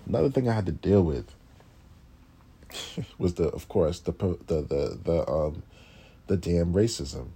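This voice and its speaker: A low-voiced man tells his story as a classical pianist, blunt and profane. His voice sits deep and has a husky edge. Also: unhurried, pauses often. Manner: blunt and profane, with animated impressions of others. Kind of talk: casual storytelling.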